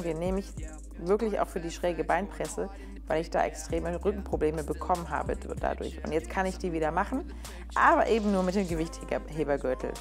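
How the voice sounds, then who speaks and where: A woman's voice: lowish voice, darkish tone. A young woman vlogger giving a casual, upbeat voice-over that explains her gym leg routine step by step. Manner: upbeat and chatty, explains each exercise step by step. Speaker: fitness vlogger.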